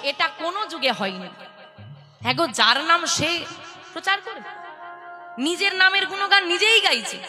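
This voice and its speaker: With long pauses at a normal speed, a kirtan preacher speaks in a very high, sing-song voice, giving a playful devotional sermon to people seated before her. She teases them and calls for call-and-response chanting, all over loud live devotional music.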